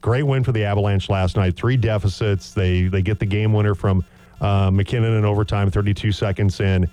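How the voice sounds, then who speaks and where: Sports radio host guy, lowish voice, teasing then gets into the game recap. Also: fairly even intonation, a little fast, mellow, faint music behind. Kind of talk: casual sports radio banter.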